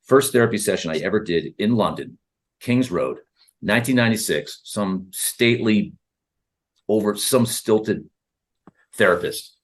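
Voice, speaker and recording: A man with a lowish voice speaks in an interview about his therapy work. He talks with animated energy and acts out both sides of his conversations with clients. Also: unhurried. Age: 30s. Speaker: therapist and author.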